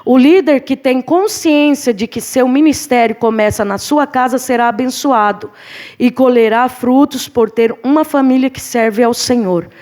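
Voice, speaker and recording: Uma mulher com sotaque brasileiro dando aula de escola dominical na igreja, em tom animado de pregação, chamando a turma de irmãos. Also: female voice, high voice, normal speed. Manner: lively, preacherly, addresses the class as brothers. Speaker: Sunday school teacher. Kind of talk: church Bible class lesson. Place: church hall.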